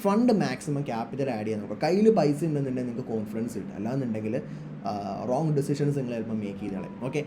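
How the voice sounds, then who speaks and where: A man with a medium-pitched, expressive voice talks rapid-fire as he gives an informal trading tutorial via screen share. He mixes English terms into his speech, and background noise can be heard.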